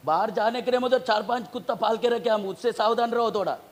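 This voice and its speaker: A male pastor preaching a sermon. He repeats phrases, questions the congregation, and swings from loud outbursts to low asides. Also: quick pace. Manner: questions the congregation and tells them to read aloud.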